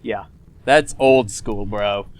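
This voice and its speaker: A man's voice: fairly low pitch, slow. A man co-hosting a casual podcast, joking playfully and laughing often. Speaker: podcast co-host.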